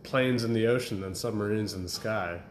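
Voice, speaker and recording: A man's voice: fairly low pitch, fairly quick. A young man chatting casually as a podcast co-host, rambling through stories and laughing often. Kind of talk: casual chat. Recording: echoey room with faint ambient noise.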